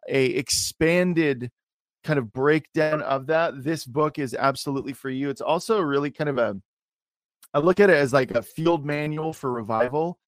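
A man's voice: fairly high pitch, moderate pace, dry recording. Casual male podcast host, dry close sound. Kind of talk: casual, enthusiastic show introduction and interview.

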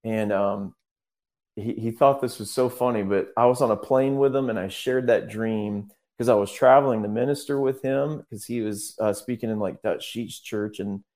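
A man's voice: lowish voice, moderate pace, a little mellow. A man speaking as a guest minister in a casual interview, earnest and rambling, often restarting his sentences.

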